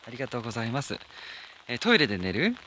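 A man chats casually on a live stream, reading out and thanking viewer comments as he goes. His pitch swings widely, and he breaks into soft, high squeals. He is outdoors at night in the rain, speaking into a handheld phone. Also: big pitch swings, fast talker, slight background noise.

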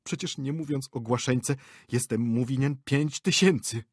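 A man's voice: medium pitch, measured pace, husky, no room sound, studio quality, voice pushed up. A man voicing a cowardly old theatre director who pleads in a trembling, lisping whisper. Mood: pleading.

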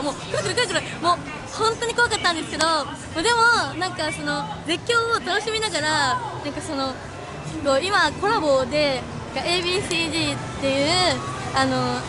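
A young woman chatting casually to camera as a vlog host, giggly, animated and exclamatory. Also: high voice. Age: young adult. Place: large indoor amusement arcade. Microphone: handheld camera at arm's length. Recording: music and crowd noise behind.

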